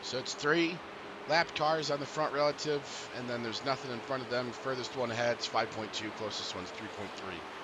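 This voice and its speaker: A man with an average-pitched voice talks his driver through the race as crew chief. He is casual and reassuring, with clear engine noise behind him. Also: moderate pace. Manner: encouraging, reassuring.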